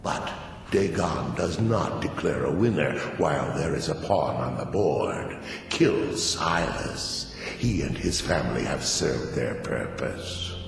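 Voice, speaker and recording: Mehrunes Dagon, a cavernous, extremely deep demon god. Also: male voice, lively intonation, gravelly, full character voice. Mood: menacing, commanding. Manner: slow, commanding, godlike pronouncements. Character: imperious, menacing male demon god of destruction. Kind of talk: video game voice acting. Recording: cavernous echo and long reverb, music behind.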